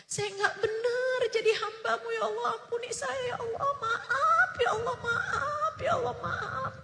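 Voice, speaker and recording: A woman's voice: extremely high pitch, steady tone, measured pace, noisy background, pitched above the performer's own voice. Woman voicing a sobbing old male cleric. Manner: sobbing, pleading, repetitive. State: crying. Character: elderly male cleric weeping in repentance. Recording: reverberant hall.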